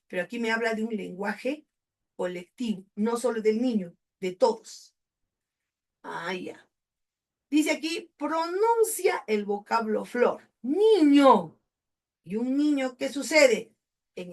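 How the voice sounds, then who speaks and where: A woman teaching an online exam-prep class over a video call, with a Peruvian Spanish accent. She repeats key words and keeps checking in with her students. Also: fairly high pitch.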